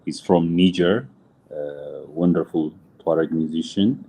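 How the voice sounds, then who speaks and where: Middle-aged man, very deep voice, warm dark tone, halting speech with many fillers, video call chat. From Ethiopia. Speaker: musician and music teacher. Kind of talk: casual interview chat.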